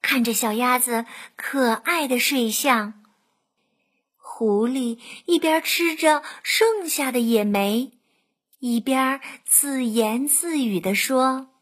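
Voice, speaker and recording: Slow, high-voiced woman storyteller. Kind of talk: scripted children's story narration.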